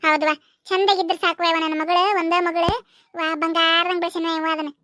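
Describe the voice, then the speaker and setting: A woman's voice: very high voice, little pitch movement, pushed and bright. A woman with a North Karnataka accent, voicing chatty village characters for a cartoon comedy. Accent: North Karnataka Kannada. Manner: quick, chatty village banter. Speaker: cartoon voice artist.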